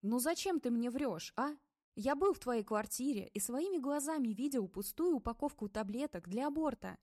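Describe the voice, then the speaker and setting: A woman voicing an angry, jealous adult man who accuses his former partner in sarcastic tones, read in a fairly high voice in a dry room. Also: expressive, normal speed, a little mellow, no room sound. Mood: accusing.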